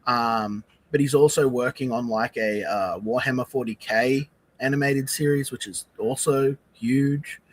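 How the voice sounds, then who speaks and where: A man's voice: medium pitch, unhurried. A man chatting casually as a guest on a live show, rambling with lots of "like" and some swearing. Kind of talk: casual chat. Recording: faint background noise, room ambience.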